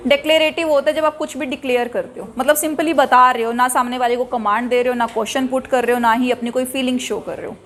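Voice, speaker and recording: A woman teacher giving a classroom lecture, quizzing her students, calling for quiet and mixing in English example sentences. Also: high voice, fairly even intonation, fast, few pauses. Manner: mixes Hindi explanation with English example sentences.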